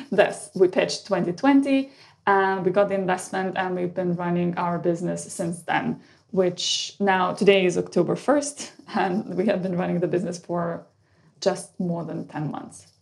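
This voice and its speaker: A woman's voice: fairly low pitch, steady tone, unhurried, gravelly, a little mellow. A woman in her thirties from Lithuania, a startup co-founder introducing herself on a podcast in a conversational way. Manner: conversational, restarts mid-sentence.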